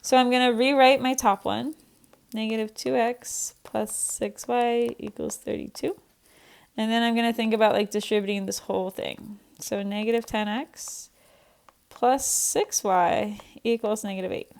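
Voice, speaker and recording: A woman's voice: a little high, fairly even intonation, unhurried, gravelly, a little mellow. A young woman teaching an online math lesson, chatty and self-deprecating as she thinks aloud.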